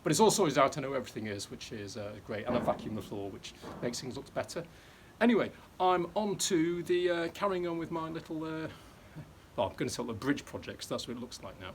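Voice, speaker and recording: A man's voice: medium pitch, expressive, fairly quick, a little hiss or hum. Rambling middle-aged man filming his boat build. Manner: rambling, many fillers and restarts, self-deprecating. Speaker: vlogger fitting out a narrowboat. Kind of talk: casual self-filmed build vlog. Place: outdoors on a boat roof and inside a boat workshop.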